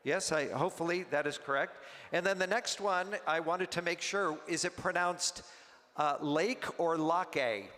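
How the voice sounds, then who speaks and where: A man serving as emcee at a luncheon, making chatty, unhurried announcements with some halting restarts. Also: high voice, steady tone, pushed and bright. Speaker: event emcee. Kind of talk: event hosting announcements. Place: luncheon banquet hall. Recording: long hall reverb, faint noise.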